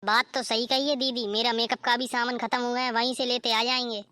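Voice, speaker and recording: A woman's voice: a little high, little pitch movement, a little fast, pushed and bright, dry recording, studio quality. A woman voicing a polite, apologetic young daughter-in-law in a cartoon story.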